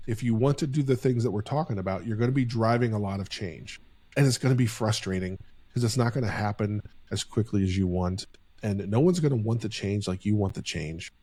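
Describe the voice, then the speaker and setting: A man's voice: lowish voice, darkish tone, no echo. A man co-hosting a leadership podcast, talking in an earnest and reflective way, close to the mic at home. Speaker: podcast co-host. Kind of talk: casual podcast chat. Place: home office.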